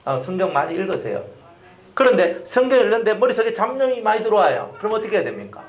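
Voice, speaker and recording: A middle-aged man preaching a sermon as a pastor, animated and repetitive, often asking the congregation questions. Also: high-pitched, fast talker, reverberant. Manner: animated, repeats phrases and asks the congregation questions.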